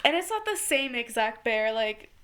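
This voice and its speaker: A woman's voice: fairly high pitch, very animated, normal speed, noisy background. A woman in her twenties co-hosting a podcast, telling a story in casual chat and laughing often. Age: 20s. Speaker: podcast co-host.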